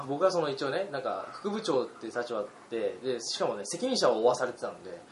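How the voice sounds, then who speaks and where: A young man in his twenties co-hosting a casual podcast chat, an animated storyteller who laughs often and acts out the lines of the people in his stories. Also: mid-range voice, brisk. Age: 20s. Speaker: podcast co-host. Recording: roomy recording with faint background hiss.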